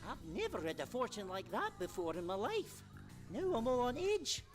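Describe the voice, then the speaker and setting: A pushy, talkative fortune-teller machine, voiced by a woman for a fan-made game voice mod. Its voice sits high and leaps wildly up and down as it eagerly offers readings. Game music plays clearly behind it. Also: wildly swooping pitch. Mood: insistent. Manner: eager, pushy, quick to laugh.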